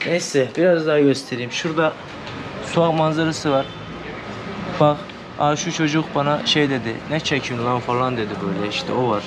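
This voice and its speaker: A man's voice: on the high side, fairly quick. A young man with an Adana Turkish accent, vlogging while hitchhiking and later in a hotel room, chatty and wry, dropping to glum mutters. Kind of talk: casual vlog monologue. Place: outdoors by a busy road, later a hotel room. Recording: loud traffic noise outdoors.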